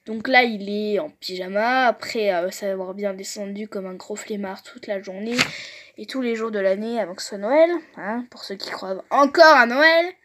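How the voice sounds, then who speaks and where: A woman's voice: medium pitch, moderate pace, a bit bright. A young woman casually showing her old school notebooks, reading the exercises aloud, joking and trailing off into mumbles. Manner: chatty, reads aloud and jokes, trails off into mumbles. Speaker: vlogger. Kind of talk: casual vlog commentary.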